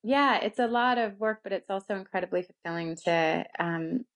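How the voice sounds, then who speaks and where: In a mid-range voice at an ordinary speed, the Canadian woman shares personal stories as an interview guest, talking easily about founding a co-working space. Her Canadian accent comes through.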